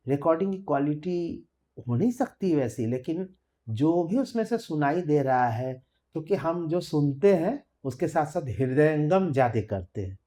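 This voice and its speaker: A woman who is a classical singer, explaining thumri in a thoughtful, measured way with frequent hesitant fillers. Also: low-pitched, mellow. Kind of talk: explanatory talk with sung examples.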